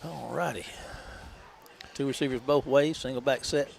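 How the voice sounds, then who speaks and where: A man calling a high school football game on local radio in a folksy, chatty way, laughing easily. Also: normal speed, vocal fry, slight background noise. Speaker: play-by-play announcer.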